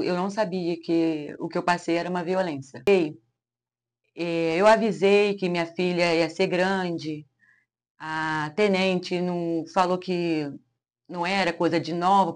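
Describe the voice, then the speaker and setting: A woman with a Brazilian accent giving a personal testimony, talking haltingly with restarts and trailing off. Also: on the low side. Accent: Brazilian Portuguese. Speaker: interviewee sharing a personal story.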